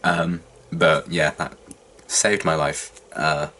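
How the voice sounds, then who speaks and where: A young adult man chats casually with his viewers as a reaction vlogger, his voice husky and congested from a cold and sore throat, and he sounds worn out and hungover. His tone is rumbling, low and level, with a sharp edge, and he takes things slowly.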